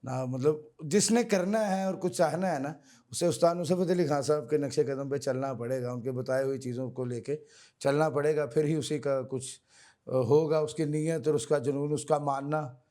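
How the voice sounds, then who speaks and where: Earnest man, mellow voice. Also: fairly high pitch, normal speed. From Pakistan. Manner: earnest, repeats honorifics, addresses host as sir. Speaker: singer, guest. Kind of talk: interview answers.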